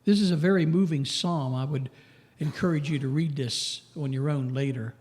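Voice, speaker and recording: A man preaching a sermon in a church, slow and emphatic, lifting his voice on questions and dropping low for asides. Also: a little mellow. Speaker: pastor.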